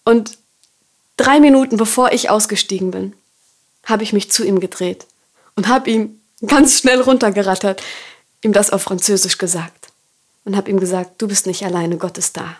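A woman hosting a podcast, telling a personal faith story and reflecting on it in an earnest, softly confiding way. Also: medium pitch, moderate pace, long pauses. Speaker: podcast host.

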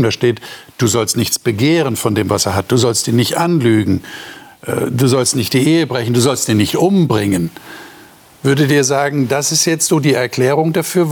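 A man's voice: medium pitch, a little mellow. A man leading a casual Bible discussion, asking questions of the group with frequent hesitant fillers. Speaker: discussion leader.

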